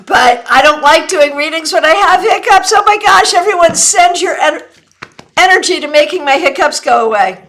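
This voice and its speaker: Woman, high voice, hiccuping, chatty live-stream tarot host who keeps saying sorry. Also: lively intonation, a bit bright. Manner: apologetic, chatty, quick answers to viewers. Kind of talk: casual live-stream readings.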